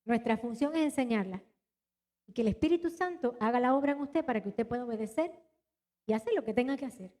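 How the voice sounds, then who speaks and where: Fast and mellow with lively intonation, this fairly high-pitched Puerto Rican pastor speaks straight to her congregation in a church hall. She preaches animatedly through a live sermon and announcements, her accent mixed Latin American Spanish with just a touch of Puerto Rican.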